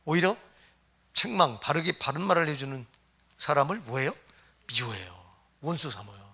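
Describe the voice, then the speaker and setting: Male pastor, middle-aged, sermon, emphatic, rhetorical questions, gritty edge, bright tone. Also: a little high, animated, moderate pace, husky.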